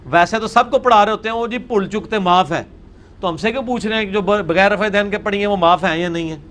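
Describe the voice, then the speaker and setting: A man's voice: high-pitched, fairly bright tone, slight background noise. A man giving a religious lecture, arguing and mocking his opponents' views. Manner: mocking, argumentative, mimics opponents.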